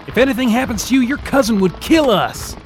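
A flippant, wisecracking adventurer played by a man in an audio drama. His delivery is animated and mock-heroic, with music playing behind. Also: very high voice, brisk. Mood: wry bravado. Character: wisecracking, irreverent Baptist soldier of fortune.

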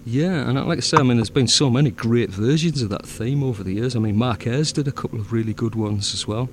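A man's voice: mid-range voice, quick pace. A man with a Northern English accent chatting casually, rambling with lots of fillers and restarts. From north of England. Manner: rambling, many fillers and restarts, easy laughter. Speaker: fan audio drama producer. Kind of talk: casual chat.

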